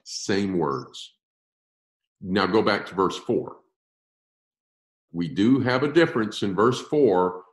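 A man teaching a Bible class, explaining texts with emphasis and slowing down to stress key words. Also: on the low side, reverberant. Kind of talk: classroom-style Bible lecture.

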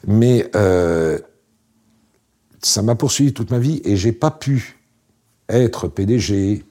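A man in his late sixties, appearing as an interview guest, tells wry, rambling anecdotes in relaxed conversation, full of fillers. His voice is lowish and he speaks slowly.

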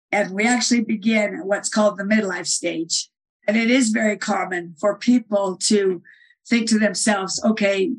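In a rough recording, a woman author with a medium-pitched voice answers interview questions conversationally as a guest. She earnestly explains her ideas and retells stories.

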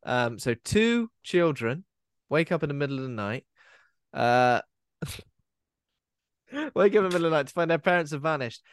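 A man's voice: on the high side, no echo, studio quality. A man, co-hosting a podcast in casual, giggly chat. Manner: giggly, playful, trailing off. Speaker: podcast co-host.

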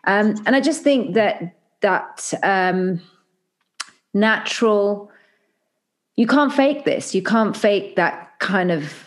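A woman guest in a casual conversation, talking in an animated, chatty way and acting out little quotes. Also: medium pitch, slow, long pauses. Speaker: podcast guest.

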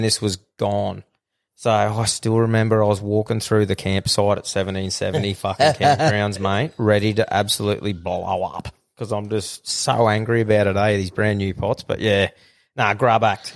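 A man's voice: fairly low pitch, steady tone, moderate pace. An Australian man talking like a laid-back tradesman, slangy and sweary, swapping stories in casual banter. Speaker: podcast host.

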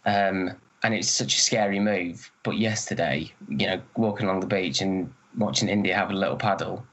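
Low-voiced man chatting in an interview. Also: steady tone, normal speed, a bit bright, lo-fi sound. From northern England. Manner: chatty, rambling with restarts. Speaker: actor, guest. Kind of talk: casual interview chat.

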